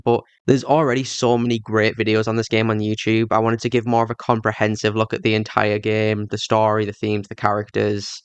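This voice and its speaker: Low-voiced man with a thick Yorkshire accent. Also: clear, resonant tone, dry recording. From Yorkshire, England. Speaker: host of a video game retrospective. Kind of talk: scripted commentary, turning to casual thanks to viewers. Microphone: cheap budget microphone.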